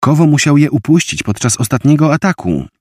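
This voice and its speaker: A man voicing a steady young boy who calmly explains things. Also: on the high side, a little fast, dry recording, studio quality, voice pushed up. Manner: calm, explaining.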